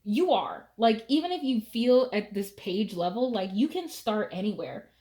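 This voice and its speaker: A woman's voice: mid-range voice, expressive, moderate pace, dark tone. Young woman, tarot reader, casual chatty delivery, lots of fillers.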